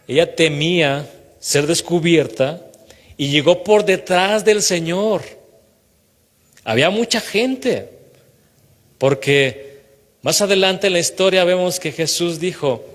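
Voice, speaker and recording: A man preaching, retelling scripture dramatically and lifting his voice on key phrases. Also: mid-range voice. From Mexico. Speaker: pastor. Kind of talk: sermon. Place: church hall. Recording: long reverb of a church hall.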